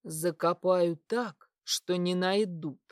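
Bear werewolf man voiced by a woman, low commanding growl, slow, threatening, dry storybook reading. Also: no room sound.

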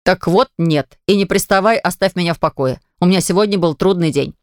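Reading a children's storybook, a woman voices an irritable, tired father who sternly lectures his young son in exasperation. She pushes her voice down to a lowish pitch and speaks fairly quickly with light acting. The recording is dry and studio quality.

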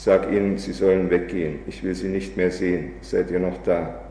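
A man's voice: deep voice, fairly even intonation, moderate pace, warm tone, far from the mic. Man reading a bitter drunk old revolutionary. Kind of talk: reading a play aloud. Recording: echoey hall, faint background noise.

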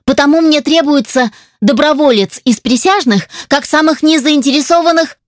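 A woman reading a first-person fantasy audiobook aloud in a firm, steady storytelling voice, recorded on a close studio mic. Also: high-pitched, moderate pace, dry recording. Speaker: audiobook reader.

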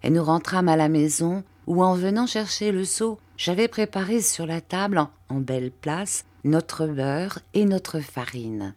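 Low-voiced woman reading a novel aloud. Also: a little mellow. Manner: measured storytelling, lifting her voice for quoted characters. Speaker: audiobook reader. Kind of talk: audiobook narration of a classic novel.

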